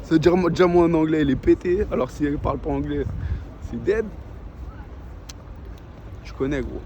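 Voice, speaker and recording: A man's voice: a little high, moderate pace, mellow, lo-fi sound. A young man vlogging casually in French suburban street slang with an urban street accent, talking to viewers like mates. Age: young adult. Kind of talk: casual travel vlog. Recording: noisy handheld vlog with ambient vehicle noise.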